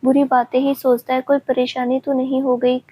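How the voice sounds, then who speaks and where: A woman's voice: high-pitched, monotone, moderate pace, warm tone, breathy edge. A woman voicing an anxious, protective mother who keeps asking questions. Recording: dull lo-fi recording.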